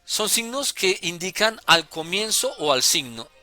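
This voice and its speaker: Man, music lesson, very bright voice, faint music behind. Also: high-pitched, big pitch swings. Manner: deliberate, with hesitations and self-corrections. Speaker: music teacher. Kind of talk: explaining music notation.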